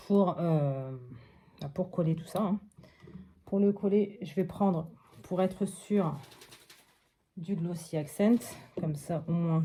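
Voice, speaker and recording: A French woman vlogs her crafting, narrating every step casually with plenty of fillers. She speaks slowly in a low, warm voice.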